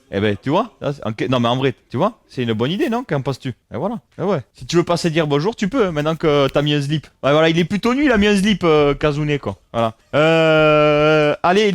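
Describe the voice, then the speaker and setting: A man's voice: on the high side, no room sound. A man chatting casually on a live stream, rambling and reading chat messages aloud. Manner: rambling, reads chat aloud, frequent fillers.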